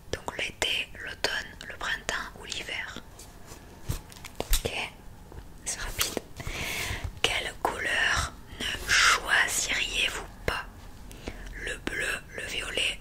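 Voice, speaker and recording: An ASMR roleplay host plays an examiner giving relaxation tests, speaking in a breathy whisper close to the microphone. She guides the listener softly and unhurriedly, step by step.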